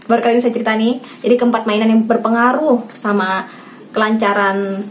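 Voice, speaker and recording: Chatty mom vlogger, addresses viewers directly. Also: female voice, fairly high pitch, fairly even intonation, fairly quick, slight background noise. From Indonesia. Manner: chatty, addresses viewers as Mams, acts out talking to her child. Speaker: parenting vlogger. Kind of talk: casual talk to camera.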